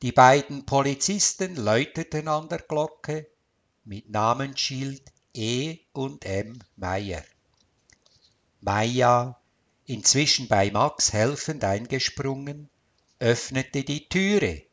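A man reading a story aloud in a dramatic, expressive way. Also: medium pitch, slow. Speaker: narrator.

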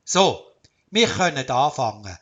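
A man doing a brisk older woodcutter. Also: mid-range voice, sing-song, a bit bright. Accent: Swiss German. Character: older male woodcutter, matter-of-fact.

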